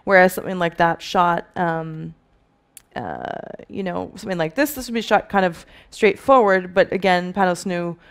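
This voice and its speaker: A woman in her thirties with a somewhat low voice presents on a dim stage. She speaks thoughtfully, with many fillers and restarts, and gestures with her hands as she explains her work as a colourist. The sound comes from a lapel mic. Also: normal speed, clean tone. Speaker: film colourist. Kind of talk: conference presentation. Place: dim stage with dark backdrop.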